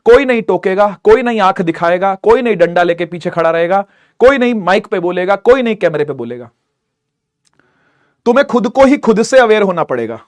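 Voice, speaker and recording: A man teaching an online class, giving a lively, preachy, friendly pep talk to students about studying hard. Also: high voice, no echo, clean studio sound. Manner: animated, preachy, scolding yet friendly.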